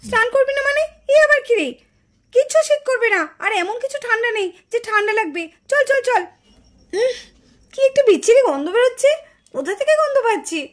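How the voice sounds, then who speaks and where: A woman voicing an impatient, bossy mother doll in a puppet cartoon, scolding loudly and insisting. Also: very high-pitched, animated, quick pace.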